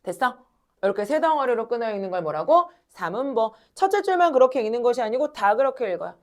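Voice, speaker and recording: A woman teaching a classroom lecture, talking straight to her students, asking questions and answering them herself, and stretching words slowly when she demonstrates. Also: on the high side. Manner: animated, addresses students directly, asks and answers own questions.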